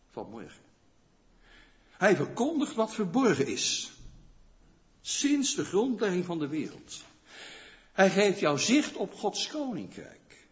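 A man preaching a sermon in a conversational way, often asking the congregation questions and checking in with a quick "yes?". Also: high voice. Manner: rhetorical questions to the listeners. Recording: long church reverb, dull lo-fi sound.

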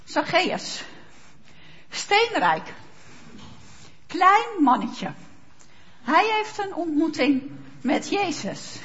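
A woman's voice: extremely high pitch, very animated, very slow, long pauses, a bit bright, highs cut off. A woman preacher giving a sermon, speaking emphatically and asking rhetorical questions of her listeners. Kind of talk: sermon with Bible reading.

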